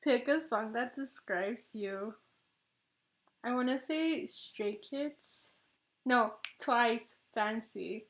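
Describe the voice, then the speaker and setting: A woman co-hosting a casual fan Q&A video, giggly and unhurried, often trailing off mid-sentence. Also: a little high. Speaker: channel co-host.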